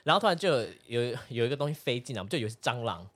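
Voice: medium pitch, expressive, very fast, a bit bright. A podcast co-host, telling a rambling story with many restarts in casual chat.

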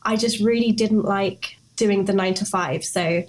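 A woman's voice: medium pitch, unhurried, rough recording. A young British woman, a designer and guest on a podcast, talking casually and hedging with fillers. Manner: relaxed, hedging with "sort of" and "um". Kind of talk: casual interview.

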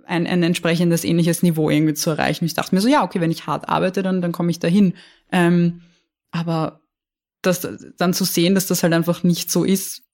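A young Austrian woman, a lawyer, speaks candidly as a guest in a casual interview, often restarting and repeating words. Her voice sits lowish with a darkish tone, and her delivery is flat and brisk.

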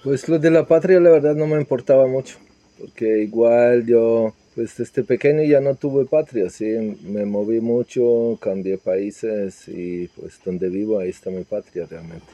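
Man in his fifties, dark mellow voice. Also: mid-range voice, measured pace, dry recording. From Serbia. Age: 50s. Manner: relaxed, with frequent fillers like "pues" and "¿sí?". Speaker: interviewee. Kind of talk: casual interview answers.

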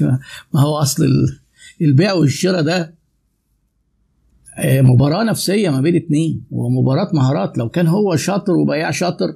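Egyptian guy in his 50s giving a sales lesson, gravelly voice, fires off questions and answers them himself. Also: on the high side, darkish tone. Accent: Egyptian Arabic. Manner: asks the audience rhetorical questions and answers them. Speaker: sales trainer. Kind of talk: spoken lecture on sales communication.

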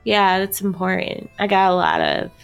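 A woman's voice: medium pitch, flat delivery, normal speed, vocal fry, clean tone, faint music behind. A woman playing a tabletop game, joking and laughing in character. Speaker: player. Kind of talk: casual tabletop play.

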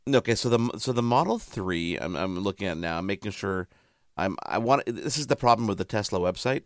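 A man's voice: fairly low pitch, lively intonation, fairly quick, no room sound, studio quality. A man hosting a radio show in casual chat, chatty and playful, often interrupting himself.

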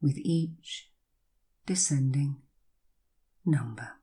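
Low mellow breathy woman, slow soothing hypnosis talk, lots of long pauses. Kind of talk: guided hypnosis session.

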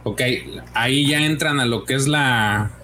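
Another co-host of the comics podcast has a mid-range voice and speaks a little slowly over background noise. He recaps the story casually, hesitating with lots of fillers and acting out lines of dialogue.

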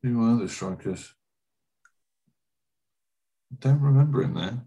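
A man's voice: medium pitch, animated, a little slow, gravelly, mellow, husky. A man hosting a casual podcast, chatty and self-deprecating, laughing often. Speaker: podcast host.

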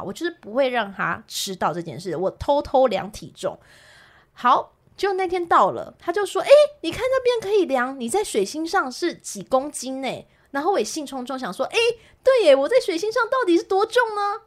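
A woman with a Taiwanese Mandarin accent, co-hosting a podcast and telling a funny story in casual chat, with animated delivery and bursts of laughter. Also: fairly high pitch. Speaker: podcast co-host.

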